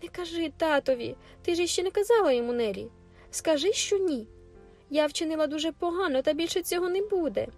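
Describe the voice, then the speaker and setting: A woman voicing a tearful teenage girl who begs in a high, breathless voice, with faint music underneath. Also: animated, a little fast, darkish tone. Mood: pleading.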